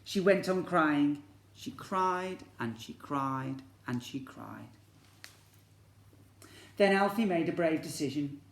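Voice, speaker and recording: In an echoey room, an infant school teacher with a fairly high, creaky voice reads a storybook to young children slowly, pausing often. He reads expressively and asks his listeners questions.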